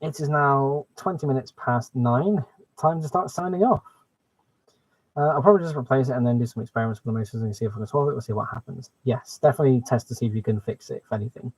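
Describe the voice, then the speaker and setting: A man's voice: medium pitch, fast, a little mellow, breathy edge. A man hosting a casual hobby live stream, chatting enthusiastically to viewers through a muffled microphone. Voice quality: muffled sound. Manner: enthusiastic, exclaiming. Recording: muffled microphone, dry close sound.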